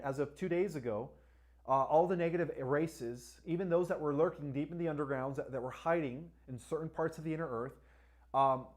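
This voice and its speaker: Emphatic man hosting a live Q&A. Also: on the high side. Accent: Spanish. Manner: emphatic, repeats "all right" and "right?"; asks viewers to like and share. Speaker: livestream host. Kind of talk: live-stream Q&A.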